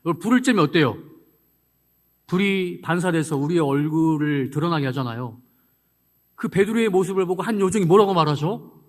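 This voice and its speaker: A male pastor preaches with animated energy, asking the congregation questions and acting out scripture scenes. His voice sits a little high for a man. It carries through the long reverb of a church sanctuary. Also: brisk, pauses often. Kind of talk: sermon.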